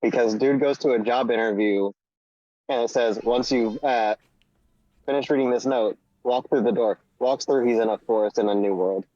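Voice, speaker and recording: A man with a mellow, warm voice chatting casually about books. He tells his story in a relaxed, easygoing way. His voice comes through a dry, somewhat dull lo-fi line. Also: medium pitch, normal speed, dry recording. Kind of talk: casual chat.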